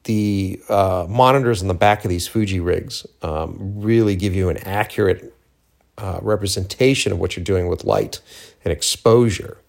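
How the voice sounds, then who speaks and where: Low, gravelly man chatting candidly. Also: normal speed, a little mellow. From Cape Cod, Massachusetts, USA. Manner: candid, profane, full of slangy asides. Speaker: filmmaker hosting a personal audio journal. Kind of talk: casual rambling monologue.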